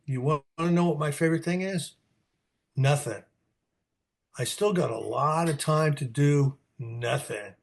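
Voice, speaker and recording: Over a video call, a rambling New Jersey man in his sixties answers questions candidly as a recovery meeting's guest speaker. His voice is a little high with vocal fry, his pace measured, and he drifts off on tangents and repeats himself.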